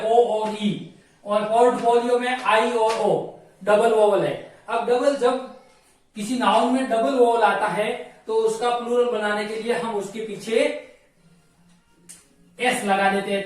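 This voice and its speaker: A male grammar teacher, explaining rules slowly in a classroom lesson and spelling words letter by letter. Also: high voice. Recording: very echoey room, from far off.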